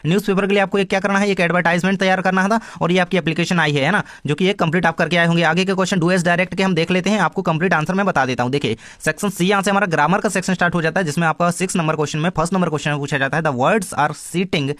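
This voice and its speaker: A young man, a teacher, going step by step through the answers of an exam paper and reading each question aloud slowly. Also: sits high, fairly even intonation, a bit bright, no echo, studio quality. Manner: explains step by step, reads questions slowly, repeats "है ना".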